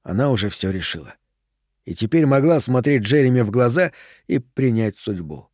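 In scripted audiobook narration, a man reads a novel with an even, measured storyteller's delivery. The mid-range voice is captured dry, in clean studio sound.

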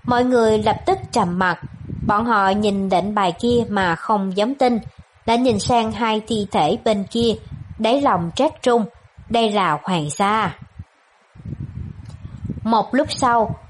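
Woman narrating an audiobook, steady. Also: medium pitch, slow, slight background noise, poor audio. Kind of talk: scripted narration.

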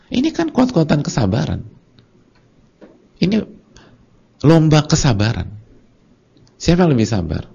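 A man giving a casual, colloquial religious lecture, telling lively stories and acting out short dialogues. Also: fairly low pitch, vocal fry, breathy edge. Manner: colloquial and conversational. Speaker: Islamic preacher. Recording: dull lo-fi lecture recording.

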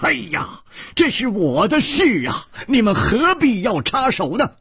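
A man's voice: extremely high pitch, big pitch swings, unhurried, fairly bright tone, slightly rough, no echo, studio quality, pitched above the performer's own voice, exaggerated voice. A man voicing a proud, cold young swordsman who speaks tensely and urgently, in a storytelling performance. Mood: agitated.

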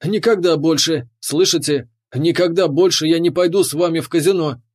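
A man's voice: fairly high pitch, moderate pace, voice pushed up, lightly acted. A man voicing a fussy, portly, middle-aged ship captain. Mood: exasperated.

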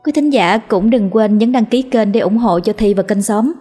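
A woman narrating a ghost story audiobook with calm, even delivery. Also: medium pitch, normal speed, soft background music.

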